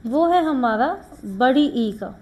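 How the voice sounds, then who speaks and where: A woman's voice: high-pitched, lively intonation, takes it slowly, darkish tone. A woman teaching shorthand, explaining rules step by step and mixing English terms into Hindi. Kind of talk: classroom lesson.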